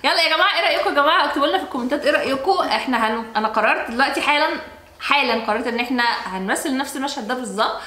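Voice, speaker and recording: A woman with an Egyptian accent hosting a vlog, chatting to viewers in an excited, giggly way. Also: high voice, racing, a little hiss or hum. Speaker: vlog host. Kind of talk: casual chat to viewers. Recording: roomy room echo.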